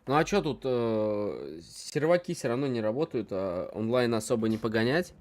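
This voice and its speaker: A man's voice: mid-range voice, sing-song, moderate pace, darkish tone. A man chatting casually on a livestream as he plays, talking to his chat in slangy, informal asides. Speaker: game streamer. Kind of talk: casual livestream chat while playing a game. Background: game music.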